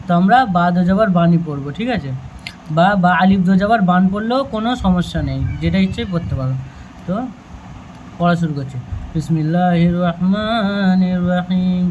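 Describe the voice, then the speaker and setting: A man with a rather high voice teaches a Noorani Qaida lesson, calling out letter after letter in a steady, patient drill. He often stops to check that his pupils are following. The recording is dull and lo-fi, with a faint hiss behind him. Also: fast. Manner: checks in with "thik ache?". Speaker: Quran reading teacher.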